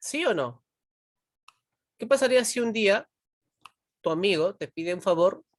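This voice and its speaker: A woman's voice: medium pitch, expressive, measured pace, dry recording, clean studio sound. A woman teaching a philosophy class, constantly checking in with her students, asking them questions and pushing them to answer. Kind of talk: online pre-university class.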